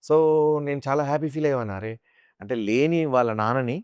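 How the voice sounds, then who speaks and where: A man, a mimicry artist, telling animated stories about his life and slipping into imitated voices. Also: medium pitch, quick pace, smooth, no room sound, clean studio sound. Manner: animated storyteller who slips into chanting and imitated voices. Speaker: mimicry artist, interview guest. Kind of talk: casual interview storytelling.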